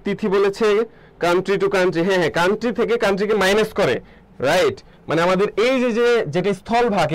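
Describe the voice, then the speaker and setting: High-voiced man teaching a live class. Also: poor audio. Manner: asks students questions and answers them himself; repeats key terms, reads out viewer comments. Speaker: admission coaching teacher. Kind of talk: live online geography lecture.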